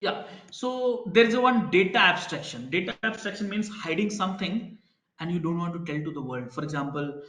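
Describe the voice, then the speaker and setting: A man's voice: high voice, lively intonation, brisk, fairly bright tone, roomy sound. A man teaching a live programming class, explaining concepts with everyday examples and checking in with students. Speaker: programming instructor. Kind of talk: live online class lecture.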